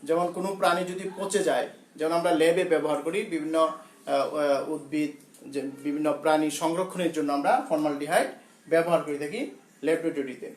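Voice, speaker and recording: A male school teacher with a Bangladeshi Bengali accent giving a science lesson, slowly repeating key terms for students and often pausing with fillers and self-corrections. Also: a little high, reverberant, slight background noise, low-quality recording.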